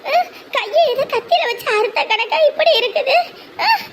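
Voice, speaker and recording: A woman's voice: extremely high pitch, lively intonation, moderate pace, heavy background noise. A woman voicing a thrifty village mother who laments and scolds in broad rural speech. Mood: pleading.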